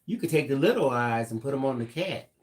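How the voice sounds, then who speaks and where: A man co-hosting a live craft stream, reading viewer comments aloud with relaxed, joking asides. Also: medium pitch, a little fast. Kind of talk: live stream co-host chat.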